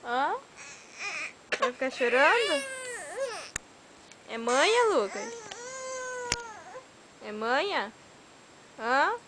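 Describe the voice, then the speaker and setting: A woman's voice: high-pitched, very animated, extremely slow, pauses often, a bit bright. A mother filming her infant at home, talking to him in a coaxing, teasing singsong. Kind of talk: home video baby talk. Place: at home with a crying baby. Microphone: handheld home video camera. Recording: hissy 2010 home camcorder audio.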